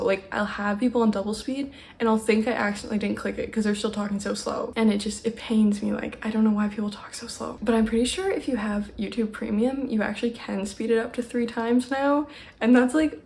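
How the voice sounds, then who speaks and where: Fast-talking young woman with vocal fry. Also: a little high. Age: young adult. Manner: rambling, filler-heavy, fast-talking; quiet and shy. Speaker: vlogger. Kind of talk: casual chat to camera.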